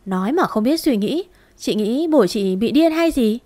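Woman narrating a lively spoken story. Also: fairly high pitch, moderate pace. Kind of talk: first-person story narration.

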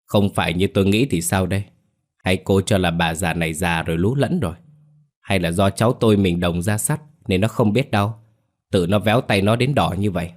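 Brief: scornful domineering old grandmother in an audio story, read by a man, low voice. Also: normal speed, close to an everyday voice. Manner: mocking, scolding. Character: sharp-tongued elderly grandmother, scornful and domineering.

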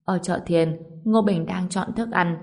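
Low-voiced woman narrating a novel. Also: fairly even intonation, measured pace, gravelly, darkish tone. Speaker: audiobook narrator. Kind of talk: scripted narration.

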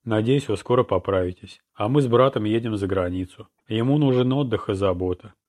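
A man's voice: on the low side, brisk, darkish tone, natural voice. A man voicing a rich old woman in an audiobook, speaking in a cold, strangely indifferent tone. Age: older.

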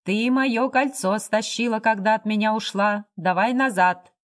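A woman reading aloud, voicing a drunken, insolent man who shouts crude, mocking insults. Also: mid-range voice, animated, unhurried, close to an everyday voice. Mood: shouting. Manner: loud, jeering, crude.

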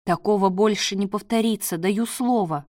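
A man's voice: sits high, normal speed, a little mellow, no echo, clean studio sound, lightly acted. A woman reading the part of a sarcastic male patient, a former convict, with a sly, mocking manner. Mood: pleading.

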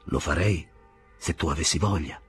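A man's voice: extremely low pitch, moderate pace, faint music behind, pitched below the performer's own voice. A man reading aloud voices an earnest, slightly stiff young German man in a storybook reading.

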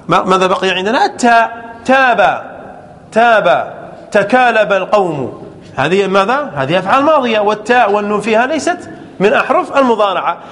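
A male teacher leads a grammar lesson with a very high, animated voice that leaps around as he explains. He repeats key words, fixes his own slips, and keeps stopping to check that his students follow. His voice trails off into a long reverb. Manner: keeps checking the listeners understand; repeats words, corrects himself aloud.

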